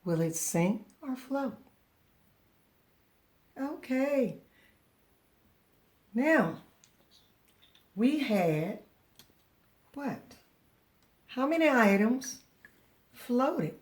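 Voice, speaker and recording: A woman with a fairly high, very animated voice draws out her words and pauses often. She speaks as a preschool teacher giving a children's lesson, encouraging and patient, going step by step and asking the listener questions, then answering them.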